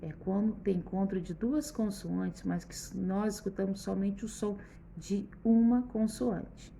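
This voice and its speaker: A woman teacher giving a patient, step-by-step lesson for children, often pausing to check that they follow along. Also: medium pitch, steady tone, vocal fry, warm tone, slight background noise. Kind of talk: remote schoolbook lesson for children.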